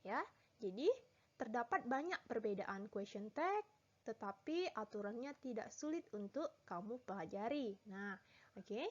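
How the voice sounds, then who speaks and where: A woman's voice: a little high, lively intonation, unhurried, darkish tone. A woman teacher with an Indonesian accent giving a recorded English lesson, switching between Indonesian and English as she explains step by step. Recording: dull lo-fi sound.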